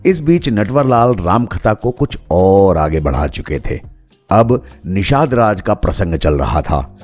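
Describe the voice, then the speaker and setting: A man's voice: deep voice, sing-song, slow pace, darkish tone, faint music behind. A man narrating a humorous story in a wry, storytelling manner. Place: home setup.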